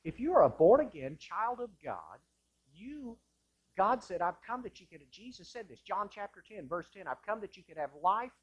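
Husky-voiced preaching pastor. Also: male voice, high voice, sing-song, moderate pace. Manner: impassioned preaching, swinging from loud to hushed. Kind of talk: sermon. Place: church sanctuary, indoors.

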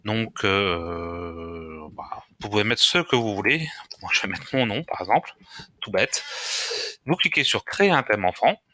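Male tutorial host, slightly low voice with a bright edge, dry close sound, halting delivery full of fillers. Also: expressive, no room sound. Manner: hesitant, frequent filler pauses. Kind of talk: screen-recorded software tutorial.

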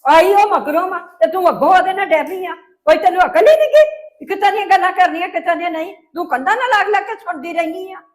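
A woman playing a mother-in-law in a family drama, scolding and sharp-tongued. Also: extremely high pitch, lively intonation, fast talker, roomy sound. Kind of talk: scripted family drama acting.

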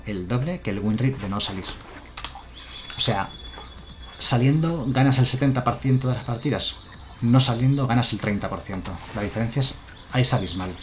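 A man with a Spanish accent from Spain, casually commenting a game on a live stream and answering his chat. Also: on the low side. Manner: chatty, answers chat, muses aloud. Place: home room with a chair.

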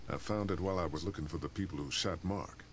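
An actor playing a weary, steady male survivor, subdued and serious, in a naturalistic video game drama. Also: low voice, fast, slight background noise, natural voice.

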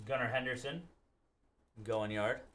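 A man's voice: medium pitch, steady tone, measured pace, a bit bright, slight background noise. A man in his thirties hosting a live card break in a studio, reading out cards and thanking buyers by name.

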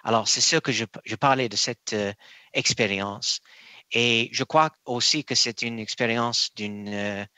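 A man from England, a court nominee, answering questions at a formal hearing over a video call, halting and searching for words with many restarts. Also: mid-range voice, pushed and bright, dry recording.

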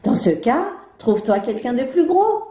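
A woman voicing a calm, brave little female ladybug in a storybook, polite and steady. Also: a little high, normal speed. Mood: calm, friendly. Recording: roomy with background music.

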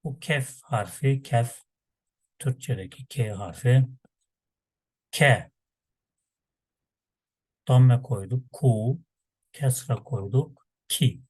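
A man teaching a Quran reading lesson, slowly sounding out letters and syllables in patient repetition. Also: mid-range voice, husky, dry recording.

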